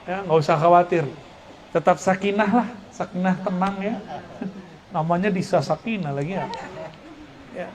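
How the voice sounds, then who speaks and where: A man giving a religious study lecture at an Islamic boarding school in casual style speech, lively and joking, often laughing. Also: high voice, normal speed, long pauses. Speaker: preacher.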